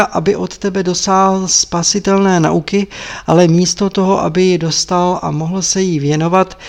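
A man's voice: sits high, clean tone. A man voicing a kindly older woman, the master's wife, who pleads and laments.

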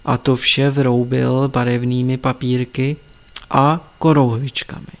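A man reads an adventure story aloud at a calm, measured pace. His voice sits at a middle pitch, unhurried and steady. He delivers it as scripted audiobook narration.

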